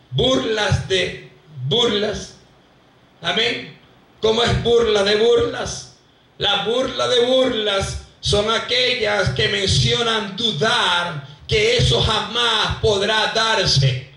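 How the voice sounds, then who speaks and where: A man from Venezuela preaching a fervent church sermon, his voice sitting high and bright. He keeps repeating phrases and calls on the congregation to respond. The sound is heard from far off in an echoey hall. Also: extremely slow, creaky. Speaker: pastor.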